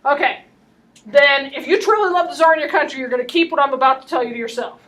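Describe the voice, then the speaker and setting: Woman putting on a smug high-ranking nobleman. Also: quick pace, fairly bright tone. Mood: coaxing.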